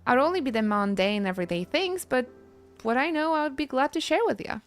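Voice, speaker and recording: A woman's voice: high voice, lively intonation, brisk, faint music behind. A woman reading as a kindly villager. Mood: gentle.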